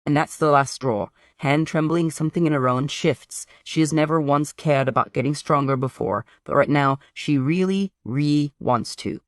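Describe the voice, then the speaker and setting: A man's voice: on the high side, moderate pace, few pauses, no room sound, clean studio sound. A man narrating a scripted story recap in a wry, playful way.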